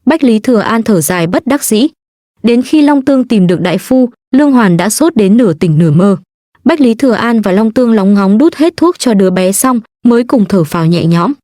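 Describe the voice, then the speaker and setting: Female audiobook narrator, steady and even, dry studio sound. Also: fairly high pitch, brisk, no room sound. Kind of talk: storybook narration.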